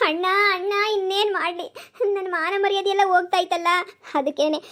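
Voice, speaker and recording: A woman's voice: high voice, steady tone, fast, lightly acted. A voice actor playing a weepy, melodramatic village woman pleading with her elder brother in a cartoon comedy. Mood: tearful, pleading. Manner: wailing, pleading, overwrought. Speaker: sister.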